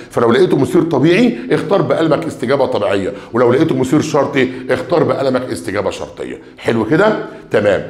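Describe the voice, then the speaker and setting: An animated Egyptian male teacher running an exam revision lesson, his voice swinging up and down as he drags out key words one at a time. He speaks quickly to his class. The sound is roomy and echoing. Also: mid-range voice. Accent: Egyptian Arabic. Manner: lively, stretches out key words one by one while reading questions; addresses students directly, calls for blessings on the Prophet.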